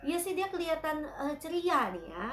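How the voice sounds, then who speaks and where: A woman's voice: high voice, sing-song, moderate pace. A woman chatting casually as a drama review vlogger, talking about herself by name and dropping in English phrases. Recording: roomy with soft background music.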